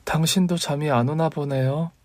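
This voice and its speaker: A grieving young wife speaks in a gentle, subdued voice, lifted higher than the narrator's own, as a man puts her on. The sound is close and dry. It is a story radio drama. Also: fairly even intonation, normal speed, no echo, natural voice.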